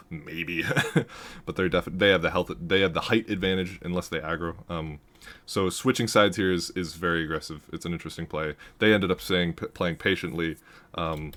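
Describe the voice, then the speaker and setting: A man with a deep, low voice talks through a game replay in a loose, rambling way. He restarts his sentences, laughs often and gets loud when something excites him. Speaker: gaming commentator reviewing a match. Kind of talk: casual game analysis commentary.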